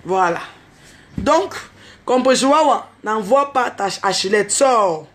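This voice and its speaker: A woman, telling a story in a casual vlog, excitable and full of exclamations, acting out what others said. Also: fairly high pitch, a little slow. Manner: excitable, exclamatory, quotes others in acted voices. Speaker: vlogger.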